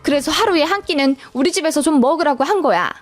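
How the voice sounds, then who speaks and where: A woman voicing a sharp-tongued older mother-in-law who scolds and defends her son. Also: high voice, animated, fast talker, faint music behind, voice pushed up. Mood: defensive. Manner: scolding, lecturing in informal speech.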